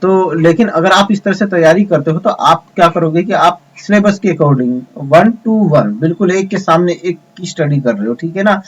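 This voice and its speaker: A man's voice: high voice, normal speed, hardly any pauses. A man teaching an exam preparation lesson, repeating points and asking his students rhetorical questions. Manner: repetitive, addresses students as friends, rhetorical questions. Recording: dull lo-fi sound.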